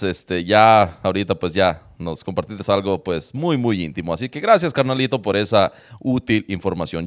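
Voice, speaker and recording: A man's voice: fairly low pitch, no echo, studio quality. A Mexican man hosting a casual chat, reacting and teasing his co-host. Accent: Mexican Spanish. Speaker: podcast host.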